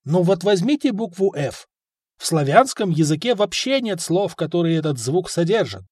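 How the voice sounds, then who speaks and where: A man's voice: high-pitched, sing-song, moderate pace, darkish tone, slightly rough, dry recording, studio quality, full character voice. A man voicing a short, stout male scholar who explains things carefully and deferentially. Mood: explaining.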